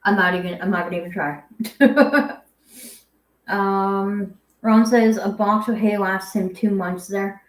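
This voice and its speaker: A woman's voice: medium pitch, fairly even intonation, measured pace. A young adult woman hosting a casual home livestream, rambling as she reads viewer comments aloud. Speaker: guinea pig channel host. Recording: echoey room.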